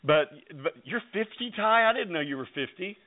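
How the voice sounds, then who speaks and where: Upbeat radio host, tinny sound. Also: male voice, high-pitched, animated, normal speed. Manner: upbeat, hyping. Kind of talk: radio interview. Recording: phone-like narrow sound.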